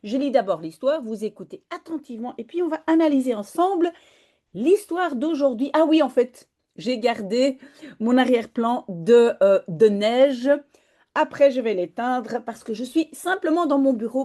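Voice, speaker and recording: A woman language teacher in her home office, reading a children's story aloud and then explaining it in a friendly, animated way into a webcam mic. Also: high voice.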